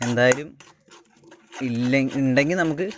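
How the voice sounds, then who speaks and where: A medium-pitched man from Kerala, India, speaks at a moderate pace while showing viewers how he cooks at home over a wood fire. The home cook and vlogger rambles and repeats himself as he works. His self-shot recording is noisy, full of clattering pans and clicks.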